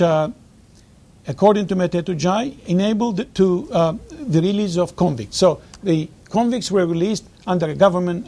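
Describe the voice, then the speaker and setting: High, gravelly-voiced man lecturing. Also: dark tone. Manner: halting, many fillers and restarts; earnest, stresses key words. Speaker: conference speaker. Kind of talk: historical lecture.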